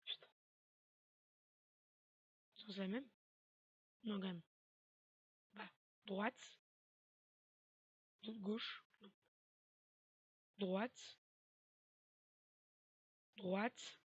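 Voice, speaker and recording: A woman giving let's play commentary on a horror game, swearing a lot and breaking into panicky shouts. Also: mid-range voice, steady tone, extremely slow, pauses often, husky, dry recording, muffled recording. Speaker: gamer playing a horror game.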